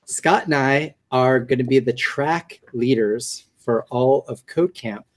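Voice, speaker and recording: A man hosting a meetup. His voice is high and nasal, and he talks in a chatty, joking way, restarting his sentences and filling pauses with ums. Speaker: meetup host. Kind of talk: casual talk to a group.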